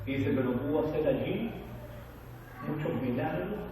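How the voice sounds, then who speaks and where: High-voiced preacher in an echoey hall. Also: male voice, lively intonation, normal speed, noisy background. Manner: asks the congregation questions, rising to emphatic shouts. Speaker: Sunday school teacher. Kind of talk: preaching a Bible lesson. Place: church hall. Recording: echoey church hall, distant mic.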